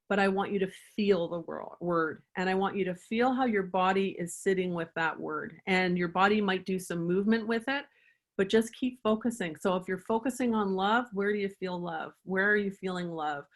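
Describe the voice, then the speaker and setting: A woman's voice: mid-range voice, normal speed. A woman chiropractor answering interview questions in an earnest, thoughtful way, at times guiding the listener through a reflection. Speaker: chiropractor guest.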